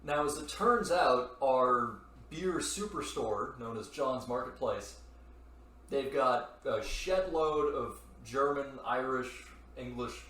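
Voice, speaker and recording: A man's voice: mid-range voice, expressive, slow, fairly bright tone. A man hosting a casual beer review podcast, laid-back and rambling, swearing now and then. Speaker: podcast host. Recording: roomy echo, mic at a distance, faint ambience.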